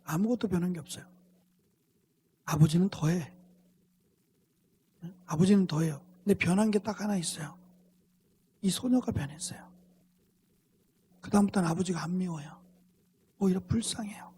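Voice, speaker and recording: A pastor telling a story in a sermon, dramatic and often dropping to hushed near-whispers, in a church sanctuary. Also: male voice, sits high, moderate pace, long pauses, breathy edge. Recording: long hall reverb.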